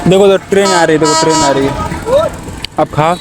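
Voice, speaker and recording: A man's voice: on the high side, brisk. A young man pulling a prank on his partner outdoors by a road, coaxing and teasing her over and over in casual banter.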